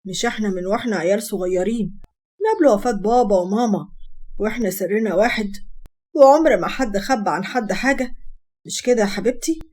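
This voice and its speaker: Woman reading young Egyptian big brother, quick teasing banter, fast lines. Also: mid-range voice, darkish tone, lightly acted. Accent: Egyptian Arabic. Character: teasing protective older brother, young man.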